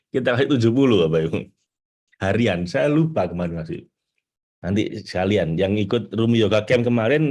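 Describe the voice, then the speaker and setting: A middle-aged man giving a lively spiritual teaching talk to an audience, jumping to high excited bursts and slowing down to read quotes. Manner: animated, rising to high excited bursts, reads quotes slowly. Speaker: spiritual trainer.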